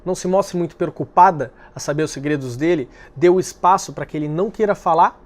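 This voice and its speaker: A man hosting a dating-advice video, speaking calmly and directly to the viewer, explaining step by step. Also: fairly high pitch, quick pace. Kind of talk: direct-to-camera advice talk.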